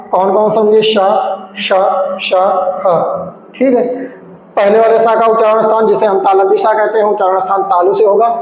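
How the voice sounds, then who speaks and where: A high-pitched young man teaching an exam-prep lesson, asking his own questions and answering them. He sounds like he is in a very echoey room with a long reverb tail, and the recording is dull and muffled. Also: a little mellow. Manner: repeats questions and answers them himself, frequent "theek hai".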